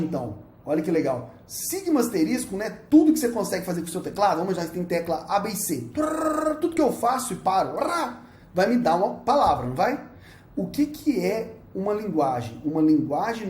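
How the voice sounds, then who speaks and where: A Brazilian man lecturing at a university, with lively pitch that jumps up and down as he explains. He talks in a playful, animated way and keeps checking that students follow. The room around him echoes. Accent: Brazilian Portuguese. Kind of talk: recorded lecture.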